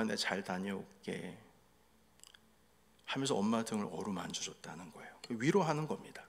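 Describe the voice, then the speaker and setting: A man's voice: mid-range voice, gravelly, a bit bright. A middle-aged man preaching a sermon as pastor, telling family stories and acting out what was said. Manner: storytelling, acting out family quotes. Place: church sanctuary. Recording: echoey hall reverb.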